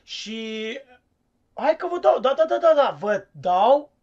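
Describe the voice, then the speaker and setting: In a comic live-stream sketch, a man plays a clueless, impatient English teacher who curses, scolds and trips over his words. His voice is very high, swings widely in pitch and is a little mellow, a full character voice that still sounds everyday. The sound is lo-fi and his mood is exasperated.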